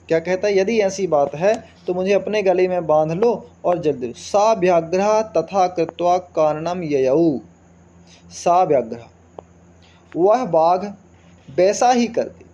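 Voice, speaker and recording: A man's voice: high voice, warm tone, lo-fi sound. A man teaching a Sanskrit lesson, reading verses and explaining them word by word, asking questions as he goes. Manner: reads verses slowly then explains word by word, asks rhetorical questions. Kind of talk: line-by-line text explanation lesson.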